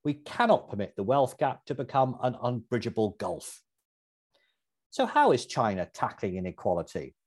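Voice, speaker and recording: Male podcast host, animated pitch, husky tone, scripted intro then questions. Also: normal speed. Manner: lively, articulate questioning.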